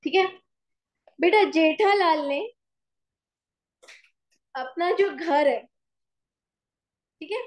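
A woman commerce teacher giving a classroom lecture with an Indian accent, slowly dictating notes and asking her students questions. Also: very high-pitched, roomy sound, low-quality recording. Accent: Indian English mixed with Hindi.

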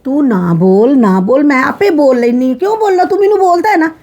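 A middle-aged woman playing a soft-hearted grandmother who placates her daughter-in-law and dotes on her granddaughter. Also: high-pitched, expressive, fairly quick, muffled recording. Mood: soothing. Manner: soothing, placating, affectionate. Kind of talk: scripted family drama.

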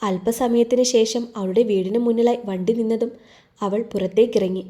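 Storyteller: woman, mellow and slightly high voice, calm scripted narration. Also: normal speed, lo-fi sound.

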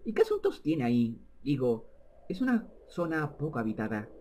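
A man's voice: medium pitch, very animated, moderate pace, warm tone. A man reading the lines of a chatty, nosy male taxi driver in a video game. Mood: curious.

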